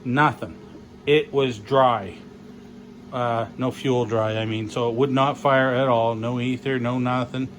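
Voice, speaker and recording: A man's voice: mid-range voice, level tone, normal speed, few pauses, fairly bright tone, slight background noise. A man vlogging about his engine work, rambling and joking as he goes, swearing casually. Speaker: mechanic vlogger. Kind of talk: casual workshop vlog.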